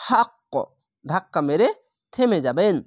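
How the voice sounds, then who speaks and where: A woman with a fairly low voice gives a step-by-step Quran reading lesson. She spells the letters one at a time and then stretches out each recited word. Her throaty sounds get extra stress through repetition. The sound is dry and close. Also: normal speed, no echo.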